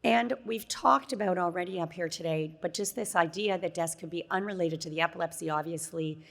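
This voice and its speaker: A middle-aged woman, a child neurologist, giving a conversational conference talk while losing her voice, hoarse and gravelly. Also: fairly low pitch, fairly quick. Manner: conversational, many fillers.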